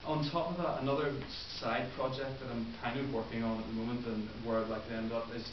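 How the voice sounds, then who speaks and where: He talks fast in a mid-range voice with fairly even intonation: a man in his twenties from Northern Ireland giving his first speech to a club in a meeting room. Though earnest and prepared, he says um and uh a lot. The sound comes across roomy, distant, muffled, and hissy.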